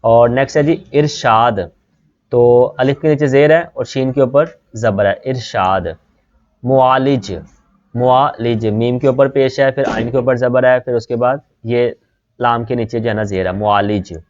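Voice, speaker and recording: Male online tutor from Pakistan with a mid-pitched voice, drilling students on exam words, slightly muffled lo-fi sound. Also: fairly even intonation, moderate pace, a little mellow. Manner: calls students "beta", repeats "theek hai" and "next hai ji". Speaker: online Urdu teacher. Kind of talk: exam-prep lesson, word by word. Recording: slightly dull lo-fi audio.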